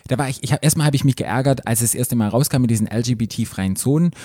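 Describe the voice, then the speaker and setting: A man's voice: mid-range voice, fast talker, dark tone, breathy edge, no room sound, studio quality. A man co-hosting a casual chat podcast, explaining his views at length between short agreeing murmurs. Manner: thoughtful, explains at length, frequent mhm backchannels. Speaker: podcast co-host.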